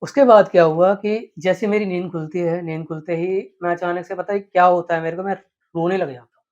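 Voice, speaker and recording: A man telling his own story in an interview, earnest and animated, acting out the quotes. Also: sits high, a little fast. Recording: dull lo-fi sound.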